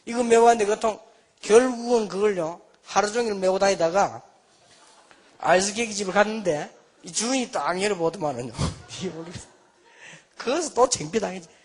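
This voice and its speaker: A man's voice: sits high, moderate pace. A man in his fifties preaching a sermon, telling folksy childhood stories with self-mocking humor. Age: 50s. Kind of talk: storytelling sermon.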